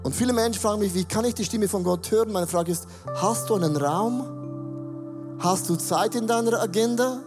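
Earnest preacher with soft music. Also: medium pitch, moderate pace, long reverb tail. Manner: earnest, preaching, acts out prayers and dialogue. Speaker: pastor. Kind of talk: sermon. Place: church stage.

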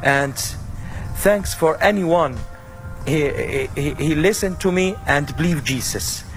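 Halting man with soft music behind. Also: a little high. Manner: halting, earnest, in broken English. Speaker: convert giving testimony. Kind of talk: personal testimony.

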